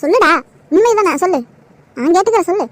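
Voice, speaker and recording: A hurt, guilt-tripping aging mother from a homemade cartoon, as an actor voices her. She talks fast in a very high voice and lays on the hurt feelings. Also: lively intonation, no echo. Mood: stern. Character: aging mother, wounded and proud. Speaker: mother-in-law. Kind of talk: amateur cartoon voice acting.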